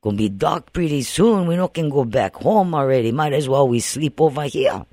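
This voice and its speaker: A gruff island man from a spoken folk tale, as a man puts him on. He speaks low and gravelly in a Hawaiian Pidgin accent, in a dry close sound. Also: animated, normal speed, darkish tone, dry recording. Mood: easygoing. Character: grumpy island man, brother-in-law, gruff.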